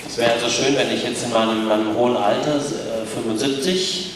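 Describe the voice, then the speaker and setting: A man interpreting live for an audience in a large indoor arena, talking quickly with frequent hesitations. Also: mid-range voice, fairly even intonation, over a noisy crowd. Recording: echoey arena, distant mic, noise.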